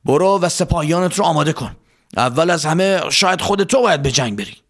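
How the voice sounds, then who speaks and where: Man doing a bossy general in a storybook, curt and harsh, kinda high voice. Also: animated. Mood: commanding. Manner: commanding, curt. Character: harsh, impatient male army general.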